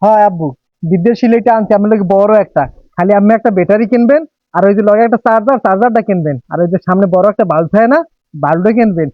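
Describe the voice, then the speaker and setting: An actor playing a chatty son-in-law just back from years abroad in a comic village drama. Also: male voice, high-pitched, fast talker, no room sound, lightly acted. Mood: earnest. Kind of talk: comedic village drama acting. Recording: dull lo-fi audio, faint music.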